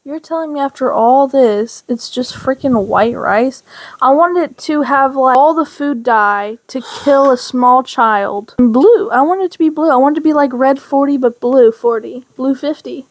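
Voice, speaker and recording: High-voiced woman telling stories casually. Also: moderate pace. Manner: animated storytelling, acting out quoted dialogue. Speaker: podcast co-host. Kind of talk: casual chat, personal storytelling.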